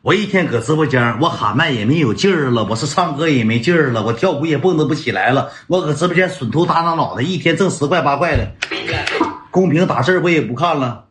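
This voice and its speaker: A man's voice: fairly high pitch, expressive, fast talker. A man with a Northeastern Mandarin accent telling a comic personal story in a rambling way, repeating himself and calling his listeners brothers.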